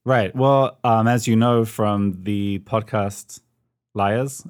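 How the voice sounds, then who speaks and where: This podcast co-host, a middle-aged man from the UK, joins over a remote call and takes it slowly. His voice sits on the low side, steady and a little mellow, with no echo. He's casual, says um often, and pokes dry fun at himself.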